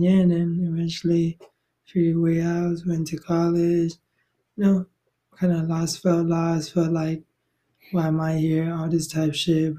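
The recording is rough as a young Thai man rambles casually through a podcast interview as the guest, with many fillers and restarts. His voice is fairly high and mellow.

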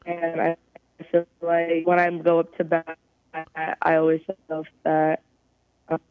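A woman's voice: sits low, completely flat delivery, a little slow, dry recording, faint music behind. Young woman on a tinny phone call. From California. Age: young adult. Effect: heard over a phone call. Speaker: college softball player. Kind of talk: interview answers. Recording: tinny, dry phone line.

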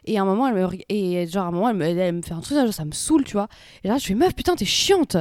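A young woman chatting casually with a friend, telling lively slangy stories about her coworkers. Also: medium pitch, racing, dry recording, clean studio sound. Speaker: office worker. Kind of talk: casual chat between friends.

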